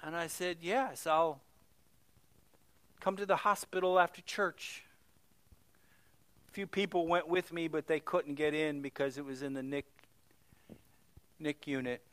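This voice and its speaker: A middle-aged man preaching a sermon, his voice high and forceful. He tells stories with big swings, booming one moment and dropping to a hush the next. The sound is close and dry. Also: fairly even intonation, measured pace, long pauses, no echo. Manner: storytelling, swings from loud exclamations to hushed near-whispers. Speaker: pastor.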